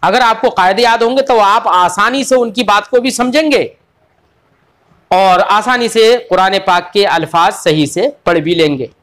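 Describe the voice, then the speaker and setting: A tajweed teacher with a high, unhurried, slightly bright voice gives an online Quran recitation lesson. He patiently repeats each rule, draws out example words, and fondly calls his students children.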